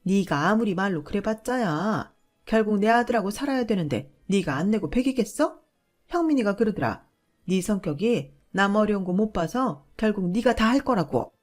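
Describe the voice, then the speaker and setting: Woman doing a booming, scornful older mother-in-law. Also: lively intonation, normal speed, lightly acted. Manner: loud, booming and bossy.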